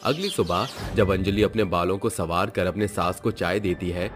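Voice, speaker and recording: A man narrating a moral fairy tale in a steady, expressive storytelling manner. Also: deep voice, moderate pace, soft background music.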